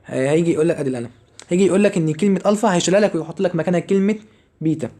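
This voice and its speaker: Fast-talking Egyptian man teaching. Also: a little high, dark tone. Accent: Egyptian Arabic. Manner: rapid, chatty, asks and answers his own questions. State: short of breath, voice drying. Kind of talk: lecture to students.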